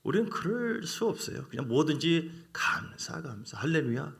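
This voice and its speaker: A man preaching a midweek sermon with a gravelly edge to his voice. His pitch swings widely as he questions the congregation and mimics the voices he quotes. He delivers it with animated pulpit energy. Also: normal speed. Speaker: pastor. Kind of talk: Wednesday evening sermon.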